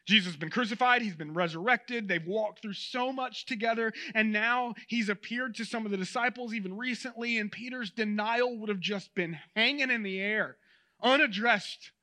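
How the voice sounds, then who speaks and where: High, bright-voiced male preacher. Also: normal speed. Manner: conversational and animated, addresses the audience directly. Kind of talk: sermon.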